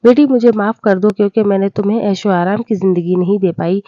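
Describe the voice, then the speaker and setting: A woman voicing a poor, aging village mother in a storybook, speaking in a gentle, pleading way. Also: mid-range voice, steady tone, fairly quick, no room sound, highs cut off, lightly acted. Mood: sorrowful. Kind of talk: storybook voice acting.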